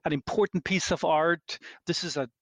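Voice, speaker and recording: A man's voice: on the high side, a bit bright, no room sound. Thoughtful Austrian-born man, dry sound. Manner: thoughtful, halting with many restarts. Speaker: scientist guest. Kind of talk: reflective interview answers.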